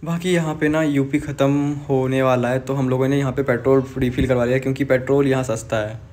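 A man's voice: medium pitch, steady tone, fast talker, a little mellow. A young man casually narrating a road-trip vlog from inside a car, chatting directly to his viewers. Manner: chatty, talks straight to viewers. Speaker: travel vlogger.

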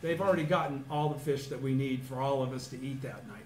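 A middle-aged man from Southern California tells a personal story to a small study group. He acts out his own past words, sometimes shouting or chanting. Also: medium pitch, fairly even intonation, fast talker. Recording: echoey room with faint background noise.

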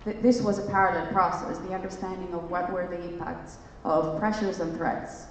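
A young adult woman from Greece talks on stage at a large hotel conference hall, taking part in a reflective onstage dialogue. Her voice sits fairly low, with fairly even intonation and a normal pace, and she sounds earnest, often searching for words and restarting her phrases. The distant recording picks up the echoey hall, giving a dull sound with slight background noise.

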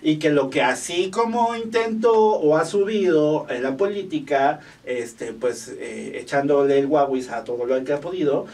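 High-voiced man gossiping, distant mic. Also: expressive, moderate pace, hardly any pauses, darkish tone. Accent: Mexican Spanish. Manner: sly, laughing asides. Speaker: podcast co-host. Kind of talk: casual gossip chat.

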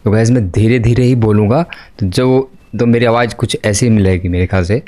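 A man's voice: fairly low pitch, fairly even intonation, brisk, mellow. A man, a gaming YouTuber, gives chatty horror gameplay commentary into a desk microphone and keeps calling his viewers "guys".

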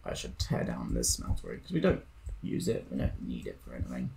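A man's voice: rumbling low, huge pitch swings, a little fast, vocal fry, a little mellow. A man in casual chat while playing a video game with a friend, easygoing with dry, playful asides. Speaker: co-host of a gaming series.

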